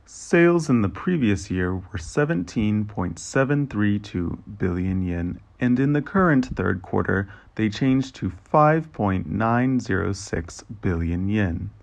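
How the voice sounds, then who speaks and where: A man speaks as the interpreter in a translation voice-over for a financial briefing. His voice sits low with a gravelly edge. He reads each figure in a steady, formal manner. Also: measured pace, hardly any pauses. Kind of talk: read-aloud financial results briefing.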